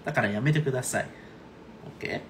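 A man's voice: mid-range voice, fast talker, a bit bright, slight background noise. A man teaching singing in a casual online lesson, chatty and checking in often with his students. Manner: chatty, frequent "right?" and "okay?" check-ins. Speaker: voice coach.

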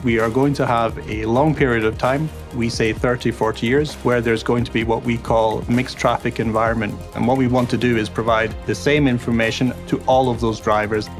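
A man executive calmly explaining in a corporate promo interview. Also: medium pitch, brisk, few pauses, soft background music.

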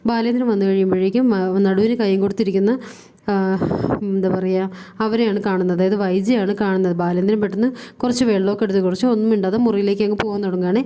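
A woman recounts a TV serial's plot in a quick, chatty stream, her words tumbling out fast. Her tone is mellow and soft-edged, and her talk is loose and casual, sprinkled with fillers and tag words. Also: mid-range voice, fairly even intonation, a little hiss or hum. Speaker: serial review vlogger.

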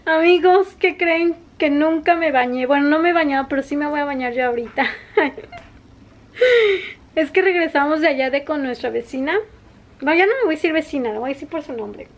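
A woman, chatting giggly and lively to her camera in a home family vlog, acting out what others said. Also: sits high, brisk. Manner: chatty and giggly, acts out quotes. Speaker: vlogger. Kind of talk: casual family vlog chat. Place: home in the United States. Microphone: handheld camera.

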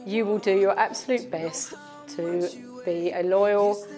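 A middle-aged woman, the bride's mother, giving a warm, halting wedding speech into a handheld microphone in a barn. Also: mid-range voice, fairly even intonation, soft background music. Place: brick-walled barn reception hall.

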